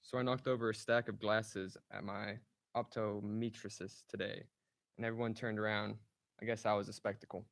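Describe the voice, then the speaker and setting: A man trading dad jokes in a contest, delivering setups and punchlines deadpan with short thoughtful hums. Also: fairly low pitch, normal speed, creaky. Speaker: joke contestant.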